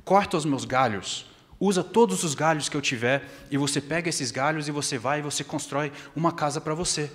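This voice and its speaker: A man voicing a gentle, generous talking tree in a children's story, coaxing and offering in a raised, soft storyteller voice. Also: a little high, a little fast, pitched above the performer's own voice, natural voice. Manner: coaxing, offering, softening to a hush over time. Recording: long church-hall reverb.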